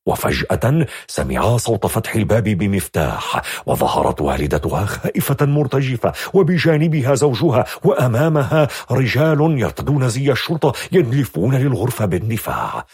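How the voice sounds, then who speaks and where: A man narrating a story in an expressive audiobook style. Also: medium pitch, fairly quick, few pauses, breathy edge, dry recording, studio quality.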